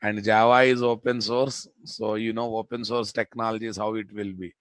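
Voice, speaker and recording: A man's voice: on the low side, flat delivery, normal speed, a bit bright, dry recording. A man with a Telugu Indian accent teaching a live programming class, informally bantering with students and repeating phrases and questions for emphasis. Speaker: programming instructor.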